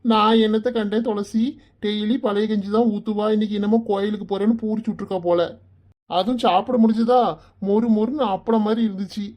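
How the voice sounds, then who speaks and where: A woman voicing a caring village father in an animated cartoon, soothing and fatherly. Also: mid-range voice, fairly quick, lo-fi sound, close to an everyday voice. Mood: comic. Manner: soothing, fatherly advice and comic storytelling. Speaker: father figure. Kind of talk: Tamil cartoon voice acting.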